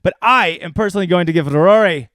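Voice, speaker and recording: A man's voice: high voice, fast, a bit bright, dry recording. A man casually breaking down fantasy golf picks on a livestream, crude and joking. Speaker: fantasy sports analyst.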